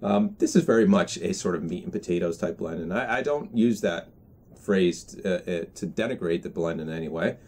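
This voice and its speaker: Low-voiced young man, measured and hesitant. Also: a little mellow, slight background noise. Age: 20s. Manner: measured, hesitant, pausing to find words. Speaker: product reviewer. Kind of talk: casual video review. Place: indoors in a small room with bookshelves.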